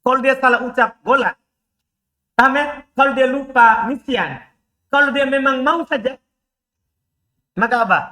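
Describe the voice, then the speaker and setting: Bright, high-voiced man teaching grammar. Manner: asks the class quick check questions. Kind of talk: live classroom lesson.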